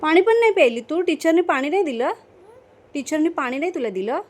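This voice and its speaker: A woman's voice: high voice, expressive, fairly quick, a little mellow. A woman vlogger casually talking to her small daughter, coaxing her with sing-song questions. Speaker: vlogger and mother. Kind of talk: casual talk to a toddler.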